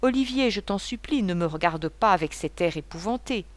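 A woman's voice: mid-range voice, lively intonation, a little fast, natural voice. A woman reading the part of a fragile, loving young wife in an audiobook, with a tearful, pleading manner. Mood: tearful, tender.

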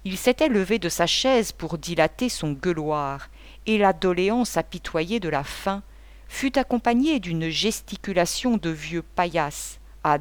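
A woman reading a novel aloud with measured, expressive narration. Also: fairly low pitch, clean tone, no room sound. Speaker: audiobook narrator. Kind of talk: scripted literary narration.

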